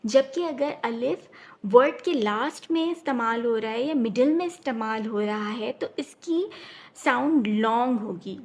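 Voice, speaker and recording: A woman teaching a children's phonics lesson, speaking clearly and repeating each word so learners can follow. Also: fairly high pitch, lively intonation, a little slow, darkish tone.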